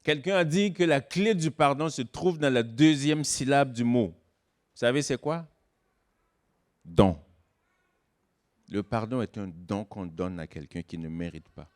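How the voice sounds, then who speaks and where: Male guest preacher, dynamic sermon delivery that drops to near-whispers and climbs to stressed, drawn-out points. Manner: dynamic preaching, swings from loud emphasis to soft low asides. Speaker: guest pastor. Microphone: online church service recording.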